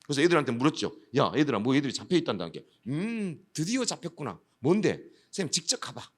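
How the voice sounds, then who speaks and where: A middle-aged man tells stories to an audience, switching into the voices of the people in them. His speech rises and falls a great deal, and he sits a little higher than most men. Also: sing-song, brisk. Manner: storytelling, switches into voices of students and police. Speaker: education official giving a talk. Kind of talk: anecdotal lecture with acted dialogue.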